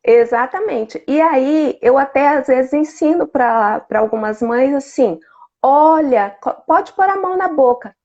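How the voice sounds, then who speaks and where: A woman's voice: high-pitched, expressive, a little slow, a little mellow. A woman speech therapist explaining, as a guest in a live talk. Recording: dull lo-fi sound.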